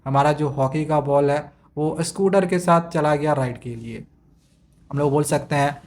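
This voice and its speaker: A man teaching a primary school English lesson, reading English lines slowly and explaining each one step by step, often asking if it is understood. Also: a little high, a little mellow. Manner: explains step by step, often checks "samajh mein aa gaya?".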